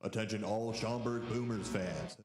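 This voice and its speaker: A man's voice: lowish voice, moderate pace, darkish tone. Man announcing over a PA system. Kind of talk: ballpark announcer call in a radio ad. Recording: echoey PA sound with music behind.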